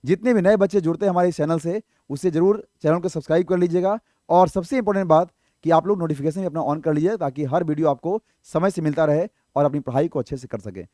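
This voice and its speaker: A man's voice: on the high side, quick pace, dark tone, dry recording, studio quality. A man teaching English vocabulary in an online exam-prep lesson, explaining patiently, asking rhetorical questions and checking in often.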